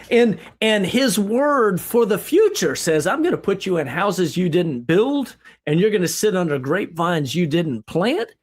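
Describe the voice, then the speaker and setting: A man leading an animated Bible study discussion, asking rhetorical questions and exclaiming often. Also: sits high. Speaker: livestream Bible teacher.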